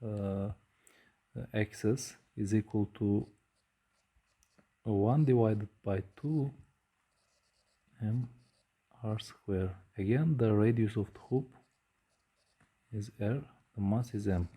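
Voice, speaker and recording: Male lecturer, very dark mellow tone, slow and halting delivery with many hesitations. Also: on the low side, slightly rough. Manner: slow, measured, frequent hesitations with uh. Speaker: physics lecturer. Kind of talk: whiteboard lecture.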